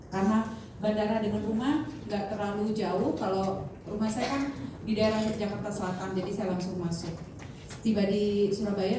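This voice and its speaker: A woman's voice: medium pitch, noisy background. A woman around fifty giving a chatty motivational talk to an audience as an insurance agent, often asking the crowd questions and using fillers. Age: 50s. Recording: distant mic, heavy room echo.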